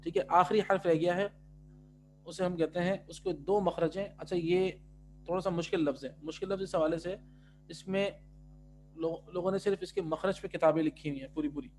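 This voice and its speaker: A man's voice: high voice, fairly even intonation, a little hiss or hum. Man teaching, drawing out letter sounds. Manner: drawn-out, loud demonstrations of letter sounds between explanations. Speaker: tajweed teacher. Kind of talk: online class instruction.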